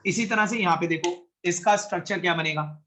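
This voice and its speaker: A male chemistry teacher lectures a class of students both in the room and online, walking through the material step by step and frequently checking that they're following. He speaks Hindi sprinkled with English science terms. His voice sits high and sounds pushed and bright, and he talks a little fast.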